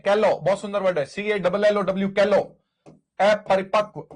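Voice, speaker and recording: Teacher guy, pretty high pitched, talks slow, keeps drilling words. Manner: drills word lists by repetition, asks and answers own questions. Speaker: English teacher. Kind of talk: exam vocabulary lesson.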